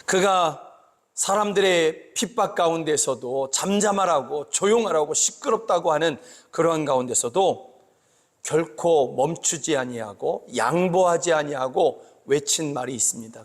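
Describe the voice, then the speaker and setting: A pastor giving a slow, emphatic sermon that rises into loud cries. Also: male voice, fairly high pitch, animated. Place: church sanctuary. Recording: long church reverb.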